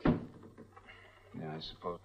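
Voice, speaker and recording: An actor playing a steady, level-headed frontier marshal who speaks in a measured, firm way, in a 1950s TV western. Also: male voice, noisy background, natural voice. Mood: calm. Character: calm, steady frontier marshal, grown man. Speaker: town marshal. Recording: dull lo-fi old TV sound.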